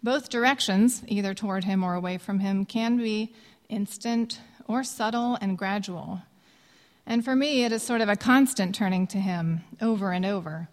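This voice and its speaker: A woman in her thirties who grew up in Indonesia, earnestly and gently introducing a worship song she wrote. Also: mid-range voice. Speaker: songwriter. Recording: long reverb with soft music behind.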